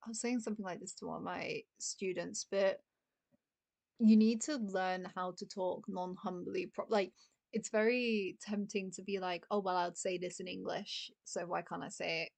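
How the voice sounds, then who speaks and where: A woman's voice: medium pitch, steady tone, normal speed, vocal fry, darkish tone, no echo. A woman teaching a casual beginners' Japanese lesson, chatty and full of "like" fillers. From studied in Japan.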